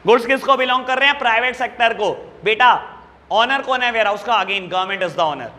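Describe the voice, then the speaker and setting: Man, high bright voice, teacher lecturing to class, long hall reverb. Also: a little fast. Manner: affectionate, calls students "beta" and "babu" constantly; asks the class questions and answers them himself. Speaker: commerce teacher.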